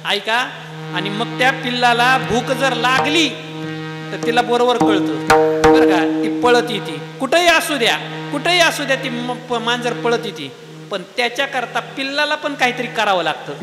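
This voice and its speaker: High-voiced preacher in an echoey hall. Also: male voice, expressive, normal speed, music in the background. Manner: rhetorical questions to the audience. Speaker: kirtan preacher. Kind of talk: devotional sermon with sung verses.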